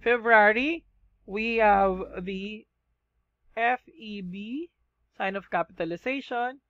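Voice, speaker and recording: A man with a Filipino accent leads a shorthand lesson, slowly spelling out each letter and checking in with the class by asking "okay?". His voice is high, bright and forceful. The recording is muffled, with no room sound.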